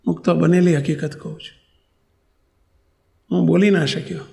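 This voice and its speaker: A man's voice: a little high, steady tone, normal speed, gravelly, warm tone. A man with a Gujarati accent who is a monk preacher, telling a story in a sermon and acting out the dialogue.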